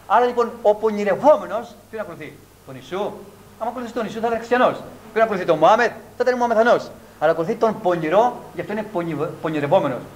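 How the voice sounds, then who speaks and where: Higher-voiced man preaching slowly with emphasis. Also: lively intonation, rough recording. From Greece. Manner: slow, emphatic, repeats key words with falling pitch. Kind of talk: sermon with closing prayer. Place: church hall.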